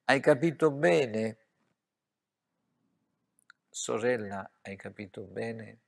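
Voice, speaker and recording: A gravelly, slow-paced man preaches a sermon. His delivery drops to hushed asides, then surges into loud, emphatic declarations. Between these, he coaches his listeners through the scripture reading. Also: medium pitch, lively intonation. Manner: swings from quiet asides to loud exclamations.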